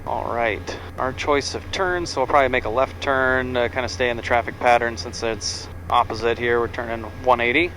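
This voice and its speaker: A man's voice: mid-range voice, steady tone, moderate pace, hardly any pauses, fairly bright tone, poor audio. A man talks casually and matter-of-factly as a pilot, giving checklist commentary in an aircraft cockpit. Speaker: pilot and presenter. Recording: cockpit audio, faint engine noise.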